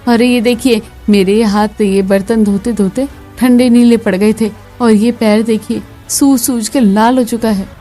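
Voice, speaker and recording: A woman voicing a fed-up young daughter-in-law in a family skit, sharp-tongued and indignant. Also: on the high side, steady tone, measured pace, hardly any pauses, soft background music.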